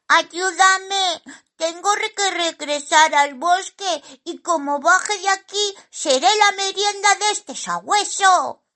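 A woman's voice: extremely high pitch, animated, takes it slowly, sharp tone, pitched above the performer's own voice, full character voice. A woman doing a squealing tiny greedy forest creature. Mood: fretful. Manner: squealing, gleeful exclamations. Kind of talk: storybook narration.

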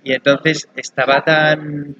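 A man's voice: a little high, flat delivery, slow pace, dull audio, a crowd in the background. A man from Madrid with a Madrid Spanish accent, a novelist guest who talks thoughtfully and enthusiastically about his book. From Madrid, Spain. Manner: thoughtful, enthusiastic, explains at length. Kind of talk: conversational interview.

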